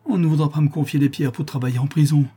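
A man's voice: lowish voice, normal speed, dark tone, husky. A man voicing a poor, haggard artisan father who cries out in despair. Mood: anguished.

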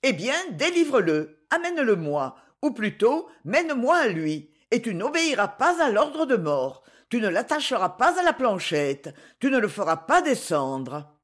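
A reader voicing a fearless, desperate young heroine who pleads and commands feverishly, in an audiobook reading. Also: female voice, fairly high pitch, big pitch swings, a little slow, hardly any pauses. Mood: commanding.

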